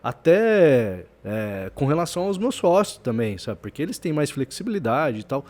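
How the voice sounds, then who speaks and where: A man, a business owner and father, talking things over in a casual podcast conversation, reflective and halting, with many fillers. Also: medium pitch, very animated, a little mellow.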